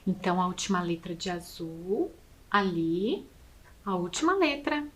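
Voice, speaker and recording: A woman teacher giving a video lesson for children, patiently counting and sounding out syllables aloud. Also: mid-range voice. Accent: Brazilian Portuguese.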